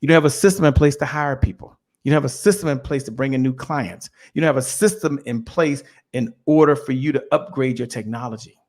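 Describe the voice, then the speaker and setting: A man giving an energetic motivational talk as a guest on a video call, leading the listeners in chanted call-and-response. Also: medium pitch, brisk, few pauses. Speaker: guest speaker. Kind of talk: motivational speaking.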